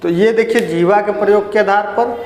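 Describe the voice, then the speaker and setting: A man's voice: high-pitched, moderate pace, a little mellow, a little hiss or hum. A man teaching a class, asking the students questions and repeating their answers. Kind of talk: classroom lesson. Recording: echoey hall.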